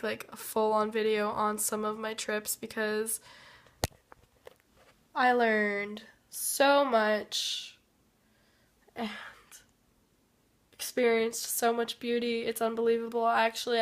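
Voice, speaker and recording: A woman with a rather high, sick-sounding voice talks straight to her viewers in a loose, rambling update. She speaks slowly and evenly, hesitating and trailing off often. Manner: hesitant, trailing off with many fillers. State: sick, rough voice. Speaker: vlogger.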